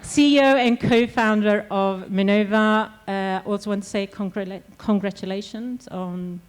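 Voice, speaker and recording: A woman's voice: medium pitch, fairly even intonation, normal speed, clear, resonant tone. Woman moderating a conference panel. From Sweden. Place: conference stage.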